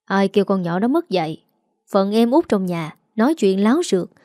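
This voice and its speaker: A woman's voice: mid-range voice, lively intonation, moderate pace, warm tone, no room sound, clean studio sound, lightly acted. A woman voicing a hot-tempered, crude grown son who roars and curses, in a Southern Vietnamese accent. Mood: grumbling. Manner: roaring, cursing.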